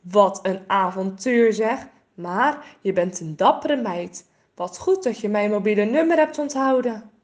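A woman's voice: mid-range voice, animated, a little slow, darkish tone, natural voice. A woman voicing a cheerful father who praises his brave daughter in a storybook. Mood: proud.

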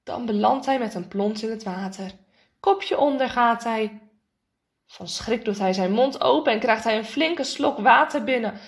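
A woman reading a children's storybook aloud in a lively way, acting out the characters' lines. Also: unhurried. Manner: lively, voices the characters' lines with raised pitch. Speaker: narrator.

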